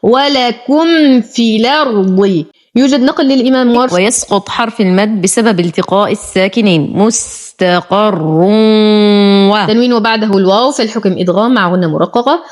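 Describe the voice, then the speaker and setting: A woman teaching Quran recitation, chanting words slowly and drawn out, then explaining the pronunciation rules briskly. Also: medium pitch. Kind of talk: tajweed lesson, recitation with rule explanations.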